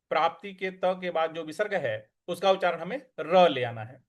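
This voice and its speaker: A man teaching how to recite verses, chanting each word slowly and then quickly and quietly explaining how to pronounce it. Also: high voice.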